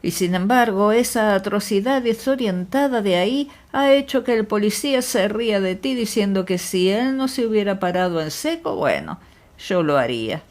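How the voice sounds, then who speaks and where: Una mujer que lee en audiolibro a un médico rural alegre y afable, que habla con exclamaciones efusivas. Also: female voice, mid-range voice, expressive, moderate pace, a little mellow, natural voice. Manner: effusive, exclamatory. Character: jovial exuberant male country doctor.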